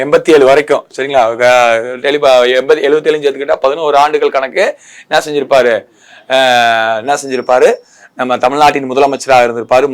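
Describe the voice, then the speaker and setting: A man teaching an exam prep lesson, lively, checking in with listeners and repeating each answer. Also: on the high side.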